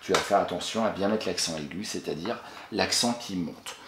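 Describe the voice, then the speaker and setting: A man teaching a young child, spelling words slowly letter by letter and warmly praising answers he pretends to hear. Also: sits low. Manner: encouraging, talks to an absent pupil and pauses for answers. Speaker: primary school teacher. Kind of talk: recorded spelling lesson for a child. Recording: echoey room with faint noise.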